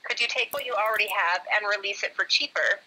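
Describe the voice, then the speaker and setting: A woman's voice: medium pitch, quick pace, pushed and bright, a little hiss or hum, low-quality recording. A woman co-hosting a casual live question-and-answer chat, teasing, giggly and rambling. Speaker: co-host and composer in a live Q&A.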